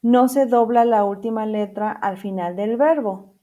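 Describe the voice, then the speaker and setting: A woman teacher leads a bilingual English grammar class, talking at an unhurried pace in a somewhat high voice. She spells out endings letter by letter and repeats every example. She keeps checking in with her students through questions. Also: warm tone, highs cut off.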